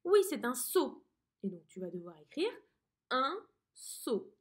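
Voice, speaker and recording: A woman teaching a dictation lesson to a young pupil, pronouncing each word slowly and clearly. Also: fairly high pitch, very animated, a little mellow. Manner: slow, clearly articulated teacher talk to a child. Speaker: primary school teacher.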